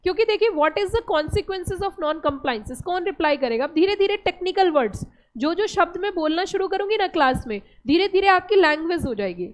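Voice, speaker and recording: A woman's voice: very high-pitched, animated, moderate pace. A young woman with an Indian accent giving a classroom lecture, explaining step by step and putting questions to her students. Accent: Indian English. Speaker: teacher.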